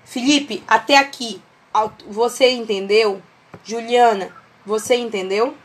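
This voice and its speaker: A woman with a Brazilian accent leads an online history lesson, her voice sitting high. She explains through everyday family comparisons and keeps checking in with her students. The sound comes through a video call. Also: fairly even intonation, slow, breathy edge. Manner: homely family analogies, checks in with students often. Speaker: history teacher.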